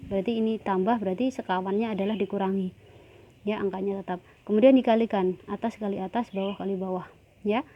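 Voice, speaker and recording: A woman's voice: mid-range voice, dull audio. Patient woman teaching a math lesson. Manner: patient step-by-step explaining, frequent "ya" checks.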